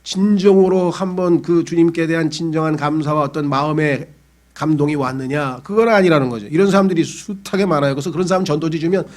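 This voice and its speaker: A man with a fairly high, brisk voice preaches a sermon in a conversational way. As a pastor, he acts out the voices of the believers he talks about.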